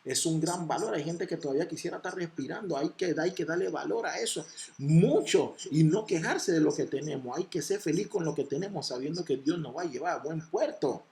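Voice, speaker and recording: Male pastor, raised-pitch delivery, emphatic sermon, slows to stress verses. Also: gravelly. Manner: emphatic, rises to loud exhortation and slows to stress scripture. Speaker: preacher.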